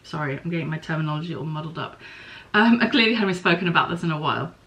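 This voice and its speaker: A middle-aged woman hosts a podcast, chatting casually about her knitting and spinning in a deep, fairly bright voice at a rapid-fire pace. She thinks aloud and stops to apologise for small slips. The highs in the audio are cut off.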